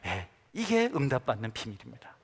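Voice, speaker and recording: A male pastor preaching a sermon, moving between hushed, intimate asides and loud, emphatic passages. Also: mid-range voice, huge pitch swings, a little fast, gravelly, husky. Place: large church sanctuary. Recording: church service with long hall reverb.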